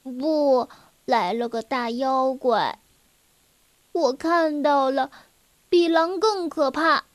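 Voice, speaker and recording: A woman's voice: extremely high pitch, unhurried, a little mellow, no room sound. A woman voicing a frightened little girl in a children's storybook, speaking in an urgent, pleading way. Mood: frightened whisper. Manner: breathless, pleading, scared.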